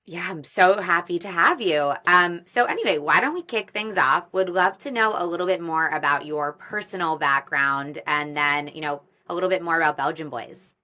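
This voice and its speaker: A woman's voice: lowish voice, moderate pace, hardly any pauses, bright, forceful tone. A woman hosting a marketing interview podcast, asking long, rambling questions full of "you know". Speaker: podcast host. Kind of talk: casual interview chat.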